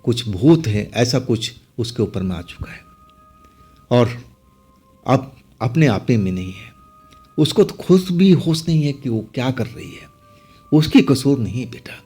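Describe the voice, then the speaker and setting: A man voicing a worried older village mother who pleads and scolds in an anxious, hushed way in a horror story. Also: mid-range voice, expressive, measured pace, pauses often, slightly rough, soft background music. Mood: fearful hushed.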